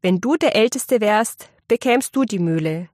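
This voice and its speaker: A woman's voice: mid-range voice, lively intonation, unhurried, darkish tone, dry recording, studio quality. A woman reading aloud and voicing the eldest son of a miller, a self-assured young man who speaks firmly and matter-of-factly. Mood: stern. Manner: firm and matter-of-fact.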